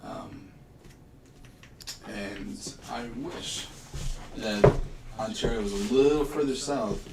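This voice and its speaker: A man's voice: medium pitch, slow, long pauses. A young man chatting casually and jokingly as a livestream co-host. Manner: easygoing, joking, grumbles playfully. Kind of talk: casual chat while puzzling. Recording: echoey room, distant mic, noisy.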